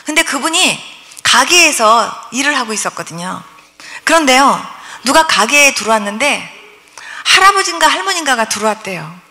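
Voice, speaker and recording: A woman's voice: high-pitched, normal speed. A woman in her sixties, a pastor telling testimony stories at a revival sermon, acting out prayers and dialogue as she goes. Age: 60s. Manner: lively storytelling, acts out prayers and dialogue. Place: church revival meeting hall. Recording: long hall reverb.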